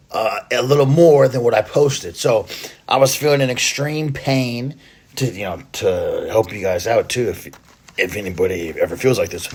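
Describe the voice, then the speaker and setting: A man's voice: mid-range voice, husky. A man gives a casual vlog update to his followers while still short of breath from a recent illness. He rambles and hesitates, restarting sentences and filling gaps as he goes. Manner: halting, rambling, many fillers and restarts. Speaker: fitness content creator.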